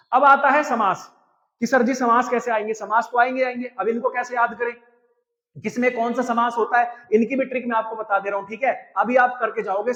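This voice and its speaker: A young man teaches Hindi grammar for exams in an energetic prep lesson, pushy and coaxing, ending his sentences with "है ना" and "भाई साहब". His voice is very high-pitched and a bit bright. The audio is dull and lo-fi, with long reverb.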